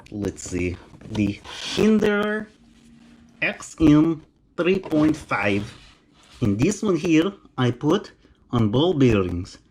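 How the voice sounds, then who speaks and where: A middle-aged Romanian man with a Romanian accent unboxes a knife for viewers, chatting enthusiastically in a casual vlog. A knife collector, he has a mid-range, slightly mellow voice with a breathy edge.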